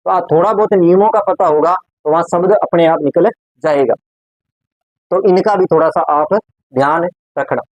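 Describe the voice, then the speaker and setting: A man with a Rajasthani Hindi accent teaches grammar in a slightly high voice. The sound is close and dry, with no room echo. He drills each word by repeating it and keeps asking his students questions. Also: moderate pace, lo-fi sound. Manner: repeats words, quizzes students with rhetorical questions. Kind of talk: classroom lecture.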